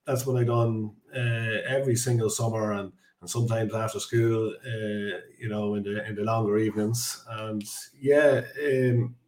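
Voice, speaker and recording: Recorded in an echoey room, this casual podcast interview features a forties-aged guest from Ireland who directs a construction business. His low, darkish voice holds a steady tone at normal speed with few pauses as he rambles chattily through his story, full of fillers and restarts.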